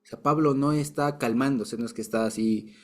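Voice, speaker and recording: A man's voice: medium pitch, brisk. A man teaching a casual Bible lesson, explaining patiently with restarts and light chuckles.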